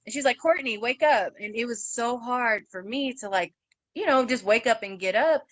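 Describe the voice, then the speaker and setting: A young woman in her twenties telling her story in an interview, halting, with fillers and restarts, and acting out what others said in a raised voice. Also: a little high, no room sound. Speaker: guest sharing her story.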